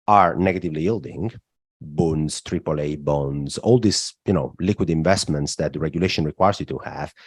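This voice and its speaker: Deep-voiced man explaining finance. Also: slightly rough, no echo, clean studio sound. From southern Italy. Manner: explanatory, frequent "look" and "uh" fillers. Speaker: guest, macro strategist. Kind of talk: podcast interview.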